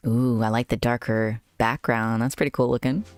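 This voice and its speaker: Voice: mid-range voice, steady tone, normal speed, clean tone, dry recording, clean studio sound, soft background music. A young adult streamer giving casual, giggly commentary on a game and reading its text aloud. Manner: giggly, chatty, reacting aloud.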